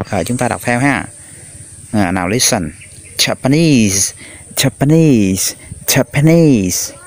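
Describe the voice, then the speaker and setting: A man's voice: mid-range voice, darkish tone, a little hiss or hum. Male teacher drilling words. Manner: drills words slowly in threes for pupils to repeat. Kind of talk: classroom English lesson.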